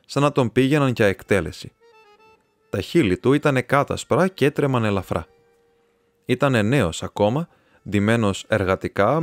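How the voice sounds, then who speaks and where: A Greek man narrating a classic novel as an audiobook reader, steady and even. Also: on the low side, no echo. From Greece. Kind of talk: scripted narration.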